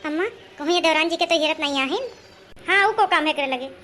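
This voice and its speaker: An actress playing a hardworking, complaining elder daughter-in-law who speaks an in a comedy skit. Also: female voice, high voice, quick pace, pushed and bright, a little hiss or hum.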